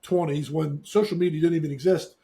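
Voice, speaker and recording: A man's voice: a little high, steady tone, a little fast, mellow. Earnest middle-aged man giving advice. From Eastern Shore, US. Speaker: podcast co-host. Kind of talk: casual chat.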